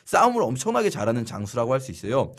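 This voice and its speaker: A man teaching a Bible study lesson in a lively storytelling way, acting out the figures' lines. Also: mid-range voice, very fast.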